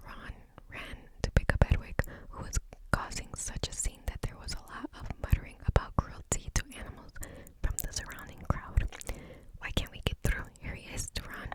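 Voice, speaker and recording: A woman reading a story aloud in an ASMR whisper, barely audible and unvoiced, with tingly mouth sounds.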